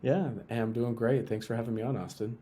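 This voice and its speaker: A man's voice: medium pitch, steady tone, fairly quick, warm tone. A young man from Utah, a guest talking casually in an interview, often repeating and restarting his phrases.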